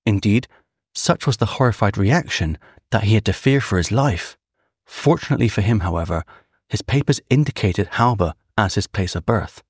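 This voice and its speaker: A man reading scripted history narration in a measured, steady way. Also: lowish voice, breathy edge, dry recording, clean studio sound. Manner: measured, reads quoted memoirs with rising intensity. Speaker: documentary narrator.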